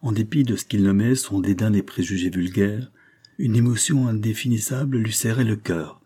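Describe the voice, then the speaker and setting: A man narrates a classic novel in a measured, even storytelling manner. His voice sits low, with a dark, mellow, husky tone. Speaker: audiobook reader.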